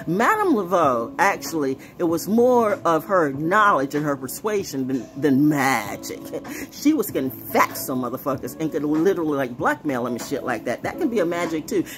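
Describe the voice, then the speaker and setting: A middle-aged woman doing a rhythmic freestyle monologue into a phone held close, moving between half-sung rhymes and blunt, confiding asides. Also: sits low. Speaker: vlogger doing spoken freestyle. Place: indoors at home on a couch. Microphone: phone held close at arm's length. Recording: phone recording with music playing under it.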